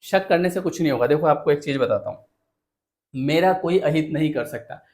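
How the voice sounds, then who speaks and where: A man's voice: on the high side, normal speed, darkish tone. Earnest man giving a motivational talk. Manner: earnest, asks rhetorical questions and addresses listeners directly. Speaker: motivational speaker and counsellor.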